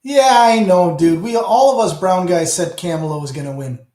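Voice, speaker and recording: Hosting his channel's laid-back livestream, a middle-aged Southern Ontario Canadian man rambles, responds to viewers' chat and lets his sentences trail off. He speaks high-pitched at a normal speed, a little mellow, in a room with noticeable echo.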